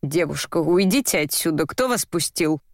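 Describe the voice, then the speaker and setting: A woman's voice: medium pitch, expressive, normal speed, no room sound, clean studio sound, close to an everyday voice. A woman voicing a stern, flustered older male actor in an audiobook. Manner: stern, then confused.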